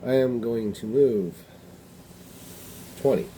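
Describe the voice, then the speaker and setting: A man's voice: mid-range voice, takes it slowly, mellow, slight background noise. A man playing a tabletop game, laid-back and wry. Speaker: player. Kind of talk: casual game talk.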